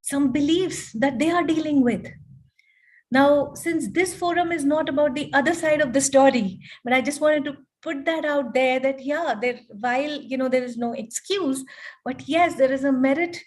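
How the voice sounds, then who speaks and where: A woman's voice: high-pitched, normal speed. A woman coach and counselor explaining healing in an online panel talk, often checking in with tag questions.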